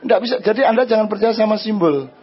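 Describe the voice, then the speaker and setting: A man with an East Javanese accent speaking to an audience. He answers their questions in a lively, conversational way and often asks them "right?". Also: sits high, quick pace, breathy edge, muffled recording, some chatter behind. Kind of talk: religious and social talk before an audience.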